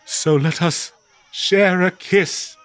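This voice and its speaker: A man voices a flustered, devoted nineteenth-century gentleman in a comedic audio roleplay, speaking verbosely and in an old-fashioned way with a nervous stammer. His voice sits high and smooth, with fairly even intonation and a slow pace. He sounds panicked and dramatic.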